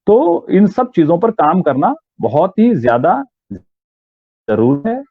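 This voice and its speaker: A man's voice: high voice, very animated, slow, no echo. A man from Uttarakhand, a voice and theatre artist, giving an interview about voice training and demonstrating sounds aloud. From Uttarakhand, India. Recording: tinny phone-like line, dry.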